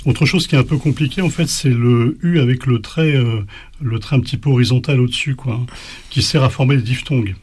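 A man's voice: mid-range voice, fairly quick, a little mellow, breathy edge. A man teaching an informal spoken language lesson, hesitant, with many fillers and restarts.

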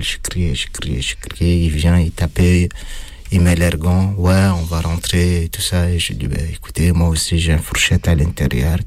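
A man with a non-native French accent tells his story in an interview, his voice sitting very low. He speaks slowly, pausing often and restarting his sentences. The recording is dry, with no room sound. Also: a little mellow, no echo. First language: not French. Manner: hesitant, many fillers and restarts. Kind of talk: halting personal account.

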